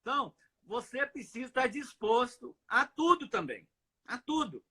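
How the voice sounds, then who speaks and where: A man's voice: extremely high pitch, big pitch swings, normal speed, bright, forceful tone, slightly rough. A man from Brazil who is a pastor, telling his story in a live video chat in an earnest way, repeating words and often ending with "né?". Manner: earnest, repetitive, asks "né?" often.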